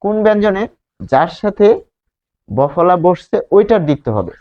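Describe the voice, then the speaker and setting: A man teaching a grammar lesson with a fairly high voice, working through each point slowly and repeating key words. He keeps asking questions and answering them himself. The recording sounds a little dull and lo-fi. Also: expressive, a little mellow. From Bangladesh.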